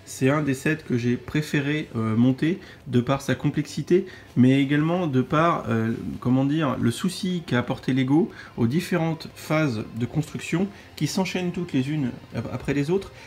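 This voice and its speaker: A man's voice: a little high, moderate pace, few pauses, a little mellow, a little hiss or hum. A man co-hosting a toy set review in casual chat, often repeating his own phrases.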